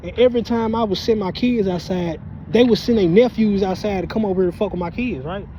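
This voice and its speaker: A man talking in a casual, animated street-side vlog outdoors, sitting outside his house and often asking "you hear me". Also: high-pitched, quick pace. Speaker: vlogger. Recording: slightly dull phone audio with faint street noise.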